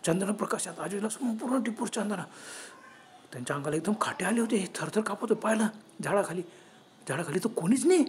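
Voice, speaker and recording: A man with a Marathi accent narrating a horror story, lively and acting out the people he quotes. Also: high voice, quick pace, a little hiss or hum. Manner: animated, acts out quoted voices.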